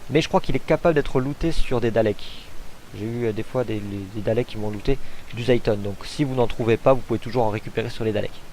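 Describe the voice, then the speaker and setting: A man's voice: mid-range voice, fast, a little mellow, slight background noise, rough recording. A man casually commenting on gameplay as he demonstrates a game mod, chatty and hesitant, thinking aloud with fillers. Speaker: gamer showcasing a mod.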